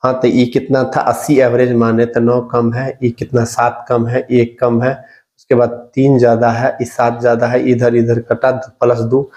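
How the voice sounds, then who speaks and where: A man's voice: medium pitch, monotone, moderate pace, a little mellow. A man teaching a math lesson for exam prep, talking through sums step by step and asking the student questions that he answers himself. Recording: echoey room recording.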